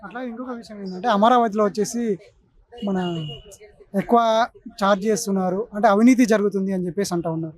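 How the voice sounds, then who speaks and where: Quick, high-voiced male street reporter. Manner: brief, polite prompting questions. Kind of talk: interview questions.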